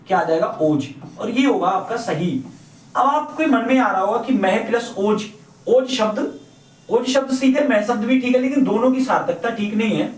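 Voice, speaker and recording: Guy teaching grammar, pretty high voice, keeps asking the class stuff and answering it, roomy echo, mic kinda far off. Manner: repeats points and asks the class questions, then answers them. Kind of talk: classroom lecture. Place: classroom or coaching room. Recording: echoey room, mic at a distance.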